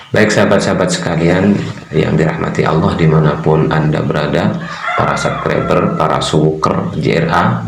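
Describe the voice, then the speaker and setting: Deep, gravelly man. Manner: humble, conversational, with frequent tag words. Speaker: religious content creator and host. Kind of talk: informal religious talk to camera. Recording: roomy echo with faint background noise.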